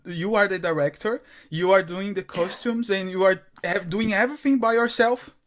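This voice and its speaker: A man's voice: high-pitched, moderate pace, fairly bright tone. A man from Brazil, hosting a casual interview over a video call, eager and chatty, sometimes cutting in. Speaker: interviewer host.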